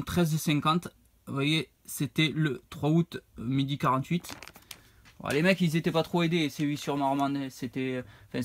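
A man's voice: fairly high pitch, a little hiss or hum. A man, casually showing off his retro game purchases, rambling and hesitant as he reads out prices. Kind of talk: casual unboxing vlog.

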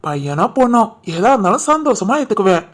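A woman's voice: medium pitch, sing-song, fairly quick. Woman voicing a boastful proud new father. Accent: Tirunelveli Tamil. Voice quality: generous, boastful. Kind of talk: animated family story voice acting.

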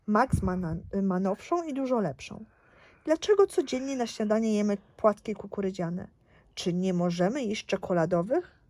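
A woman's voice: mid-range voice, lively intonation, normal speed, warm tone, no echo, natural voice. A woman reading the part of a whiny little boy who complains about everything, from a storybook. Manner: complaining, read aloud from a storybook.

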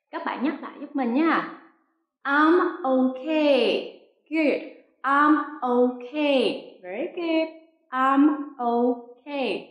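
A woman from Vietnam teaching an online English lesson, sounding out drills slowly and clearly and praising her learners. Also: on the high side, highs cut off. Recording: echoey room.

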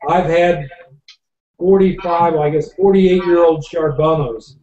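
Hosting a live tasting by video call from his home office, the older man who owns a winery talks on and on, filling gaps with ums and ahs. His voice runs on the high side, warm and measured, captured by a distant webcam in dull, echoey sound.

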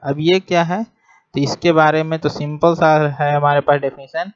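A man's voice: on the high side, steady tone. A male teacher giving a lesson, dictating definitions word by word and often checking that students follow. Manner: dictates definitions slowly word by word, repeating phrases; checks understanding with frequent "ठीक है" and "समझ में आया". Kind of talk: whiteboard lesson on logic gates. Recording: dull lo-fi recording.

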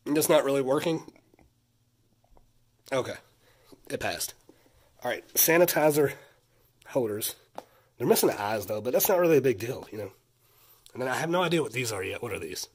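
A man in his thirties, stuffed up from a sinus infection, chats casually indoors while showing off a haul for his vlog. His voice is medium-pitched, animated and slightly rough, at a normal speed with frequent pauses. He's chatty and easily impressed, and tends to drift into a rant.

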